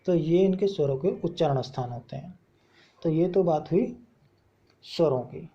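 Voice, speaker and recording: Dark, husky-voiced teacher explaining step by step. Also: medium pitch, normal speed, dull audio. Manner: explains step by step with questions and answers; spells out letters one by one. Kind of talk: Hindi grammar lesson.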